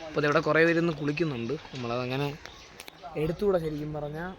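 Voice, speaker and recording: A man's voice: on the high side, quick pace, a crowd in the background. A young man chatting casually to camera as a travel vlogger, mixing English words into Malayalam. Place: outdoors and on the road. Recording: noisy outdoor phone audio, vehicle sounds.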